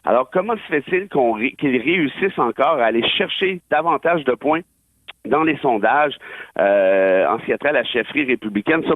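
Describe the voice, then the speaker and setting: Over a thin, dry phone connection with no room sound, a medium-pitched man gives emphatic, opinion-heavy radio commentary. He comments on politics and law, speaks with a Québécois accent, and slips in wry asides.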